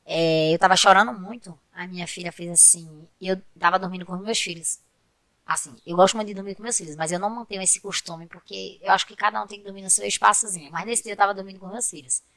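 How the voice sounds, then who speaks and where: Bright-voiced woman sharing heartfelt stories. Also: medium pitch, steady tone, quick pace, no room sound. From Pernambuco, Brazil. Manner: heartfelt, personal storytelling, often addresses listeners directly. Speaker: podcast guest. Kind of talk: casual interview chat.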